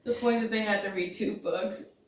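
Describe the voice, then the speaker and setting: A woman's voice: mid-range voice, fairly even intonation, normal speed, reverberant. A tipsy woman chatting sarcastically and giggling about a movie with her boyfriend. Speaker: co-host, girlfriend. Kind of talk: drunk casual movie chat.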